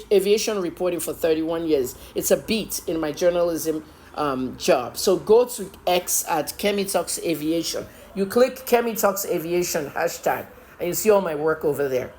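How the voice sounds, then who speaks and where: A woman's voice: fairly low pitch, darkish tone. A middle-aged woman with a Nigerian accent giving opinionated news commentary as a journalist, emphatic, blunt and scolding.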